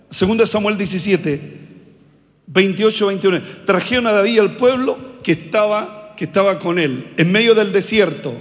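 High-pitched older pastor preaching. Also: male voice. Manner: preaching with call-and-response to the congregation. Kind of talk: sermon. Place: church sanctuary. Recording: long hall reverb from a church sanctuary.

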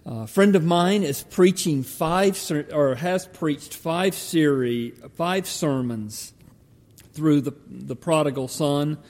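A male pastor with a Southern Georgia drawl preaches a sermon in a halting, deliberate manner with frequent pauses. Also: a little high, a little mellow. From Georgia, United States. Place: large church hall, preaching to a congregation. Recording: reverberant church hall.

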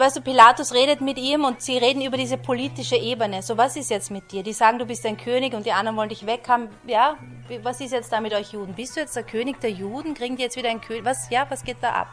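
A woman's voice: a little high, fairly even intonation, quick pace, fairly bright tone, faint music behind. A woman preaching a conversational sermon who keeps asking her listeners rhetorical questions. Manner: chatty, asks listeners rhetorical questions, often says "you know".

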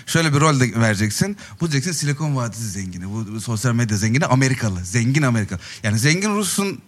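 A man co-hosting a comedic chat, chiming in with quick witty remarks. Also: mid-range voice, very animated. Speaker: co-host.

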